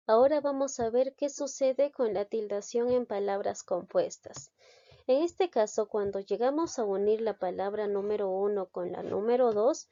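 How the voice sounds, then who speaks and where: A woman's voice: mid-range voice, warm tone, no echo, muffled recording. A woman giving a recorded grammar lesson, explaining step by step and checking that listeners follow. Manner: explains slowly, checks understanding with "¿ven?". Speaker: teacher.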